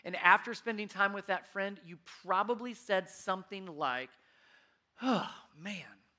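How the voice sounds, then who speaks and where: A man in his thirties preaching a sermon, telling stories with animated swings in his voice. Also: high-pitched, moderate pace. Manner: animated storytelling, voice rising when worked up. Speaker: pastor.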